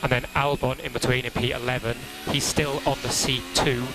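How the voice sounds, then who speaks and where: This is a team radio transmission from motor racing, full of crackle and noise. The speaker, a race engineer, is a man with a medium-pitched voice who stays calm, follows procedure, and repeats key instructions deliberately.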